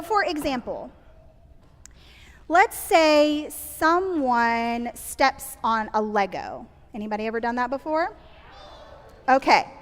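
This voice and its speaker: A woman's voice: high-pitched, fairly bright tone. A woman leading a children's camp lesson, playful and full of questions for the kids. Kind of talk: children's message to young campers. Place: church room with children. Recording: reverberant church hall.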